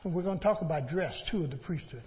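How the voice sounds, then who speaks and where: A man's voice: a little high, fast talker. A man preaching a sermon in a lecturing, admonishing manner, repeating phrases and asking rhetorical questions. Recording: muffled, in a large reverberant hall.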